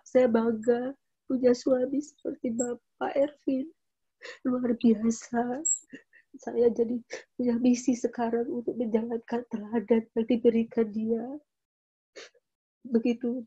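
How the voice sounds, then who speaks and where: A woman's voice: on the high side, mellow, husky, dry recording, highs cut off. A middle-aged woman giving a personal church testimony as a widow. She tells it earnestly and with feeling, acting out the voices she quotes. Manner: earnest, emotional storytelling that acts out quoted speech.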